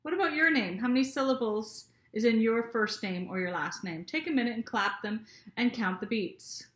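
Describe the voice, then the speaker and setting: A woman teacher giving a gentle lesson to children, asking them questions and reading aloud. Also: on the high side, normal speed, echoey room.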